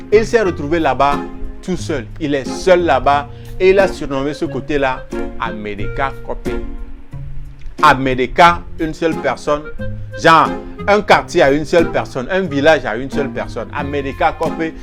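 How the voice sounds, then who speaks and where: A comic storyteller spins a mock history in a high, bright-pitched voice. He talks animatedly, repeating words and imitating local for laughs, while music plays clearly underneath. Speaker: comedian telling a mock history.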